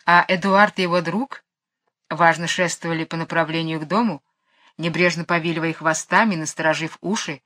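A woman's voice: deep voice, normal speed. Woman reading a children's story aloud. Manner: expressive, lively reading. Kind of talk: storybook narration.

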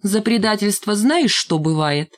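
A woman's voice: mid-range voice, animated, unhurried, close to an everyday voice. A woman reading aloud, voicing a bossy, self-righteous schoolgirl who leads the class. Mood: indignant. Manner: triumphant, commanding.

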